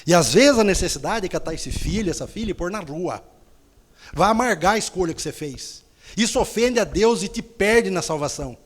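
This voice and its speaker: Lively, teasing woman preaching with humor. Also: fairly low pitch, brisk, husky. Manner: playful storytelling, acts out voices, blunt teasing.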